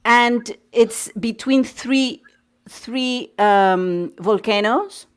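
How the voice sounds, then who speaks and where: An eager woman hosts the casual conversation, starting sentences over as her ideas rush ahead. Her voice sits a little high. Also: clean tone. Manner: eager, quick, restarting phrases. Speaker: host.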